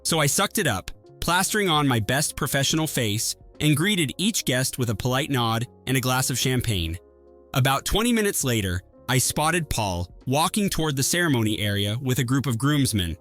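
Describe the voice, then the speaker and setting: A man reads a first-person story in a steady, measured manner. His delivery is even and composed throughout. Faint music plays softly behind his voice. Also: medium pitch. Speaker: story narrator.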